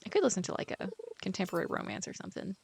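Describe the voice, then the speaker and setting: Her mid-range voice is darkish and slightly rough, with vocal fry, lively intonation and a very fast pace. An author playing a farming game, she chats casually and meanders from thought to thought, overusing "like" and sometimes nearly whispering.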